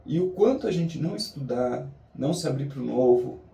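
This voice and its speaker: A Brazilian man talking reflectively and motivationally to a vlog audience, musing haltingly with drawn-out pauses. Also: mid-range voice, lively intonation, gravelly, warm tone. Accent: Brazilian Portuguese. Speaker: daily challenge vlogger. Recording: roomy echo, distant mic.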